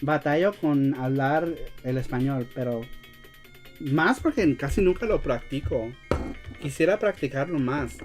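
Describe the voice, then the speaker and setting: A man who grew up in Los Angeles hosting a casual live-stream chat, speaking slangy Mexican-style Spanish learned as a second language, with English as his native tongue, often pausing to search for words. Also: fairly high pitch, faint music behind. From United States, grew up in Los Angeles. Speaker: show host.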